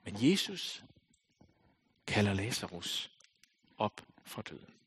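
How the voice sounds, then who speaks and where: A man preaching a sermon in a slightly husky voice. He speaks with a lively, wide-swinging pitch, climbing into loud calls and then falling to hushed, almost whispered lines as he reads scripture and talks it through. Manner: expressive, rising to loud calls and dropping to near whispers. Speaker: pastor.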